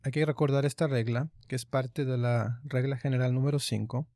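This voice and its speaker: A man with a low, gravelly voice walks through grammar rules in a patient online lesson, pausing often with small fillers. His tone is dark and mellow, and the sound is close and dry. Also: fairly even intonation, no echo. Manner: patient, explains step by step with frequent fillers. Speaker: teacher. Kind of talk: online lesson on Greek accents.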